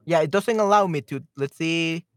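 A man whose voice is on the high side talks at a normal pace, hosting a casual livestream in which he hesitantly troubleshoots his audio while thinking aloud. He's close to the mic, and there's no echo.

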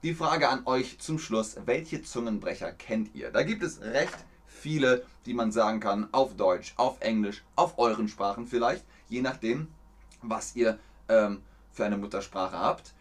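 A man hosting a live language lesson, articulating in crisp, emphatic stage German. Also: lowish voice, measured pace. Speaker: host teaching a livestream language lesson. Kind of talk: live lesson, talking with chat.

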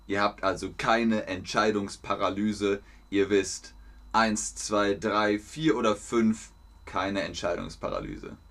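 Man, language teacher, slow careful delivery, repeats each word, playful outbursts. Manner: slow, deliberate, repeats words for learners; lively, with sudden high sounds and laughs. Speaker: German language teacher streaming a lesson. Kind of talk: slow, clear teaching stream with examples.

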